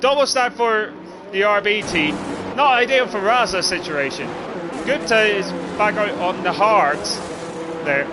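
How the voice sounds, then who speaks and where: Guy commentating a sim race live on stream, unhurried pace, high voice, noisy engines in the background. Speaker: esports sim racing commentator. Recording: clearly noisy, engine noise behind.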